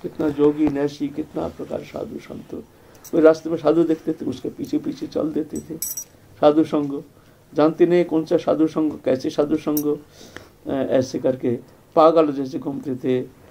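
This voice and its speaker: An older man giving a devotional spiritual discourse, telling his life story in a reflective way with repeated phrases and soft trailing fillers. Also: a little high, level tone, a little slow, vocal fry. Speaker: spiritual speaker.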